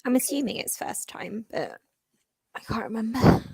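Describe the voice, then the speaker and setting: A woman's voice: on the high side, lively intonation, normal speed, creaky, a little mellow, husky, dry recording. A tired young woman co-hosting a casual reading livestream, laid-back and teasing, laughing a lot. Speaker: livestream co-host.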